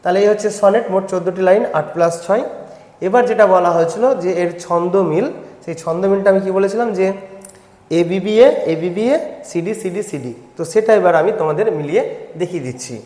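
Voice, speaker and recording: A man with a fairly high voice and a Bengali accent, patiently walking students through a poem step by step. His voice rings in an echoey room with a long, trailing reverb. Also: fast, darkish tone. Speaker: teacher. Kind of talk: line-by-line poem explanation lesson.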